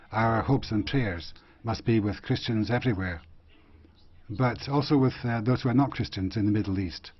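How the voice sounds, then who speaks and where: A man interprets parliament speeches in real time, his voice low and breathy. He speaks in a halting, measured way with frequent pauses. The audio is muffled like a dull broadcast feed.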